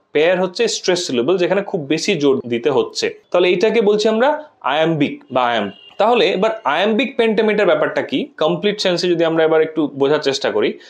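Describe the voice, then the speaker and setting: A man giving a lesson, explaining methodically and repeating examples. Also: high-pitched. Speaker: teacher. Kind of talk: classroom lecture.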